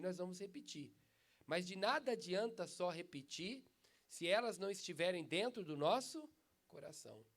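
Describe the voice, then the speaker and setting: A man with a Brazilian Portuguese accent delivers a sermon in a high, bright-sounding voice. He preaches emphatically and keeps the congregation engaged with rhetorical questions.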